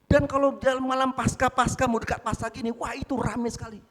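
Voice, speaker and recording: A man preaching a sermon in a church, often addressing the congregation as brothers and sisters, swinging between loud emphatic peaks and quiet asides. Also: extremely high pitch, flat delivery, quick pace. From North Sumatra, Indonesia. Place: large church hall. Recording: echoey hall with long reverb.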